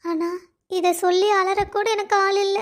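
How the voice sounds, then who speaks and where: A woman's voice: extremely high pitch, flat delivery, normal speed. A woman voicing a loving young wife who pleads and complains of being alone. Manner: pleading, plaintive.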